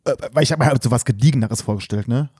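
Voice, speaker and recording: A man chatting casually on a podcast, telling stories in an animated, exaggerated way. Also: medium pitch, racing, breathy edge, no room sound, clean studio sound. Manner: animated storyteller who exaggerates for laughs. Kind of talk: casual chat.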